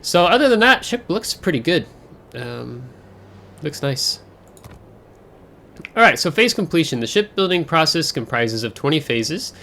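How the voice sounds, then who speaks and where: A man's voice: a little high, big pitch swings, unhurried, creaky, long pauses, bright, forceful tone. A man hosting a casual game overview, talking in a chatty, rambling way with fillers and self-corrections, his voice a bit congested from air travel. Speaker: gaming channel host.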